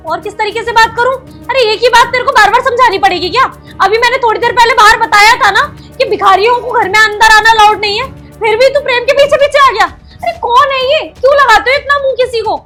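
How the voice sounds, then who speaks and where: A rude, contemptuous young woman, as a woman plays her in a very high, piercing voice. She sneers and insults with open scorn. Faint music sits under her lines. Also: fast talker, pushed and bright. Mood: sneering.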